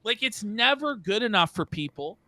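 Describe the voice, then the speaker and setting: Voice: mid-range voice, big pitch swings, moderate pace, sharp tone, no echo. A commentator giving casual, opinionated live commentary in an indignant, emphatic, ranting way.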